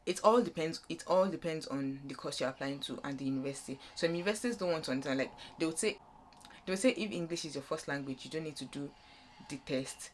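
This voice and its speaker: A young Nigerian-accented woman with a deep voice talks fast, with a little hiss or hum on the recording. As a vlogger giving student application advice, she explains things informally and unscripted, rambling and rephrasing as she goes.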